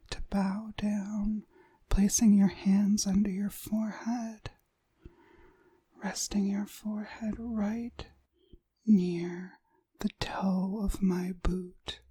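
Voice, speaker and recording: In a whispered ASMR hypnosis roleplay, a woman plays a dominant, seductive witch mistress, sounding breathy, soothing and commanding. Her voice sits at medium pitch with a dark tone, and the recording is dry.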